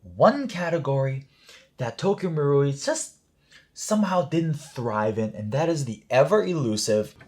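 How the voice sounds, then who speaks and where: A man's voice: fairly high pitch, big pitch swings, a little slow, darkish tone. A man presenting an airsoft product review in a chatty, jokey way, talking straight to his viewers.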